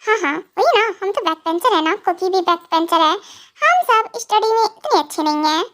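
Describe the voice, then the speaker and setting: A woman's voice: very high-pitched, expressive, normal speed, a bit bright. A woman voicing gossiping schoolgirl friends. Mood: chatty. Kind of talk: Hindi fan audio drama.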